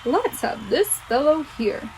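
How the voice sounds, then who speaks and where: A woman's voice: big pitch swings, soft background music, full character voice, low-quality recording. Woman playing jolly, commanding Santa Claus, drawn out. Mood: kindly. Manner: booming, drawn-out, proclaiming calls.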